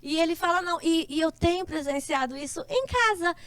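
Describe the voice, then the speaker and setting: Expressive high-voiced woman. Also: a little fast, no echo. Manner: emotional, expressive storyteller. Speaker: church member, guest. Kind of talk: casual chat.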